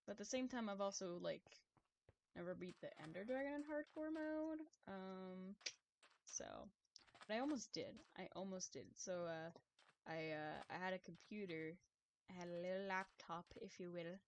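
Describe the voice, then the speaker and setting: Young female game streamer, middle-pitched, chatty and self-mocking, rambles, quick to laugh. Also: expressive, a little hiss or hum. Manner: rambling, self-deprecating, laughs often, swears casually. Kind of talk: casual gameplay commentary.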